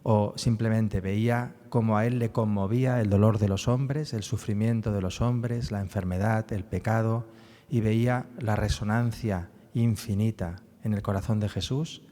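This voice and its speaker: Low mellow man in a reverberant church. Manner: explanatory, frequent tag questions. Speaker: speaker presenting a book on the psalms. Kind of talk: public talk on scripture.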